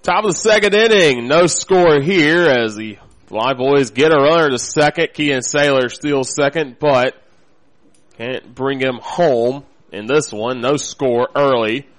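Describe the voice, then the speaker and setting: An American man calls a baseball game live. His pitch is mid-range, and he speaks as a play-by-play broadcaster following the action. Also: measured pace. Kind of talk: live sports commentary.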